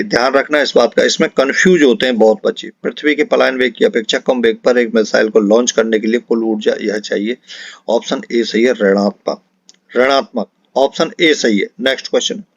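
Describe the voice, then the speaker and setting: A male teacher leads an exam-prep class through an explanatory quiz lesson, addressing his students directly. His medium-pitched voice is creaky, and he repeats both questions and answers to drive them home. The recording sounds dry and a bit dull.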